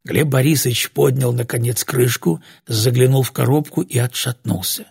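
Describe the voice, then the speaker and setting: A man reading an audiobook narration in a measured, even way. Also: mid-range voice, creaky, slightly rough, dry recording, clean studio sound. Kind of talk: scripted narration.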